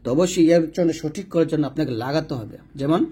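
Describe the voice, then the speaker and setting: Step by step, a male instructor demonstrates Quran recitation, pronouncing Arabic letters slowly and explaining them with reference to a diagram. He speaks in a somewhat high, dark-toned, slightly rough voice.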